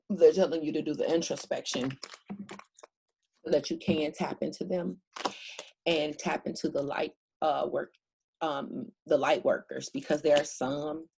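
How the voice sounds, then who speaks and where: A woman's voice: low voice, vocal fry, darkish tone, a little hiss or hum, rough recording. A woman giving a casual spiritual reading to camera, blunt and profane, with many fillers. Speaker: spiritual reader.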